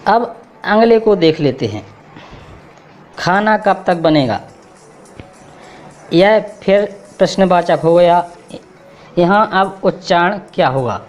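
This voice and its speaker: Guy teaching english sentences, high voice, drags out every word, soft music behind. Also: animated, takes it slowly, long pauses. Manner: addresses viewers as friends, explains patiently. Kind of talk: spoken English lesson.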